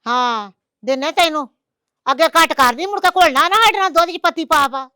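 A woman's voice: high-pitched, brisk, no room sound, studio quality. A woman playing a harsh mother-in-law who nags and taunts. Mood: scolding. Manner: sharp, nagging, taunting.

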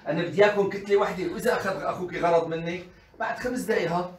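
Animated man lecturing in an echoey hall. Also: fairly high pitch. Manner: animated, rhetorical questions, acts out quoted speech. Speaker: lecturer on parenting. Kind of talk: colloquial lecture to mothers. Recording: echoey room, voice from a distance.

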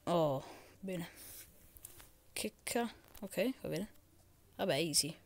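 A man's voice: sits high, animated, drawn-out words. A young man with an Italian accent giving casual, emphatic, exclamatory gameplay commentary full of slangy complaining. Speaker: gamer recording gameplay for videos. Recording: very noisy mobile screen recording with clicks.

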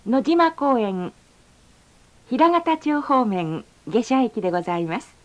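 A woman reading a polite, formal onboard train announcement, slowing down to stretch out each station name. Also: a little high, very animated. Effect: recorded onboard train announcement. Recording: slightly dull lo-fi sound.

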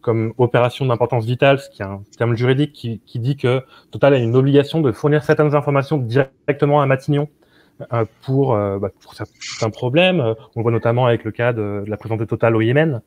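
A young man hosting and moderating a video call discussion from a small room at home. He talks hesitantly and fills his sentences with many pauses and fillers. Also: medium pitch, fairly even intonation, a little mellow, no echo. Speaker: host and moderator.

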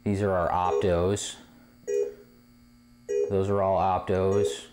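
This pinball repair host has a low voice and a slow, flat delivery as he demonstrates a hands-on fix in a casual way. He's in an indoor room among arcade machines, captured by a camera mic on a tripod nearby, with clicks and clear background noise.

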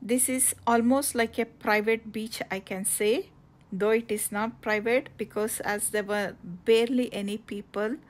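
Woman travel vlogger, slightly high voice, slow and halting casual narration, recorded on a phone outdoors. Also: fairly even intonation. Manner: slow, halting with many fillers and restarts. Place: outdoors on coastal cliffs.

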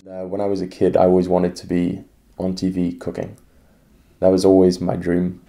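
A gravelly, deep male voice with a warm tone and completely flat delivery, at normal speed, with a slight hiss or hum in the audio. He's an Englishman in his twenties with an English accent, an aspiring restaurateur and home cook, speaking casually and a bit hesitantly in an interview.

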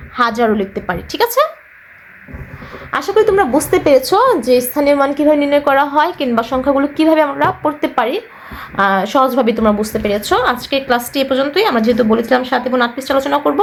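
A woman's voice: sits high, a little hiss or hum. A woman teaching children a math lesson step by step, patiently repeating each point and asking questions before answering them herself.

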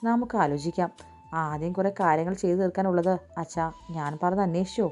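A woman reading a cheerful young woman, bright in mood though the voice stays low and mellow. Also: quick pace, faint music behind, lightly acted. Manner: cheerful, then serious.

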